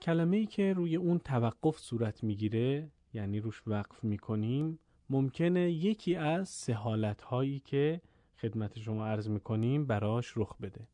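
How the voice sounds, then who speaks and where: A man teaching the rules of pausing in Quran recitation, explaining calmly and stopping to chant short verses slowly. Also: medium pitch, no echo. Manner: asks the listener questions and answers them. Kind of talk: tajweed lesson with recited examples.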